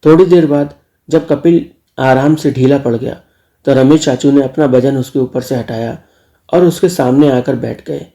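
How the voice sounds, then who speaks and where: A man's voice: mid-range voice, normal speed, gravelly, dark tone. A man narrating a story and speaking directly to listeners.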